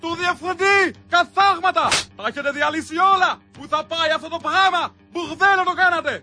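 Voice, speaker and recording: An actor playing a bossy man who yells insults at rebellious students in a comedy sketch. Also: very high-pitched, lively intonation, soft background music, heavily acted. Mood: furious. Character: blustering man scolding occupying students.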